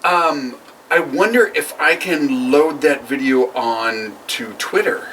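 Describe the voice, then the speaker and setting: Male co-host, slow and joking in casual banter over drinks; distant mic, loud background noise. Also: mid-range voice. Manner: joking, laughs often. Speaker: podcast co-host.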